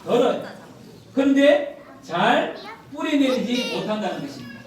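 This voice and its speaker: A man's voice: extremely high pitch, wildly swooping pitch, normal speed, a crowd in the background. A man in his fifties preaching a church sermon, earnest, often putting rhetorical questions to the congregation. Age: 50s. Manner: filler "어때" often. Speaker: pastor. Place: church sanctuary. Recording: very echoey, from a distance.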